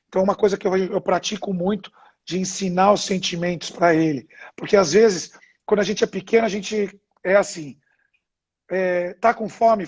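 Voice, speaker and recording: A man's voice: high-pitched, husky. A Brazilian man, a father and guest, explaining earnestly with everyday examples in a casual chat. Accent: Brazilian Portuguese. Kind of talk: casual video-call chat.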